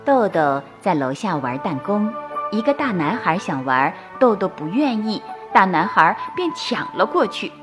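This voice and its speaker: A woman storyteller narrating a bedtime story for children in a slow, soothing manner. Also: medium pitch, sing-song, over music. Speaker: storyteller host.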